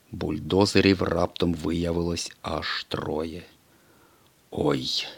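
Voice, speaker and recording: A man reading a children's storybook aloud in an expressive, dramatic way. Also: low voice, vocal fry, slightly rough. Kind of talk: storybook narration.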